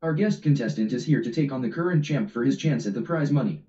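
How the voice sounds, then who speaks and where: A man voicing a smooth male event announcer with a showy delivery, recorded distant and roomy. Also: medium pitch, lively intonation, quick pace, dark tone, natural voice. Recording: roomy, distant, dull audio.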